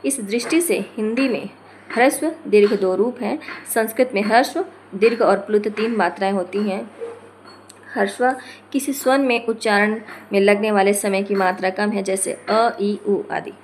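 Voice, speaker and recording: A woman teaching a lesson, reading from notes, slowing to spell out example words and correcting herself as she goes. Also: mid-range voice, slight background noise. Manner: corrects herself mid-phrase.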